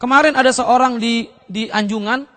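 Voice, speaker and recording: A man preaching a seminar sermon, pitched high with a bright, forceful tone. He keeps the audience involved by asking rhetorical questions as he tells his story. Long reverb from the hall trails behind his voice. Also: steady tone, normal speed. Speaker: pastor.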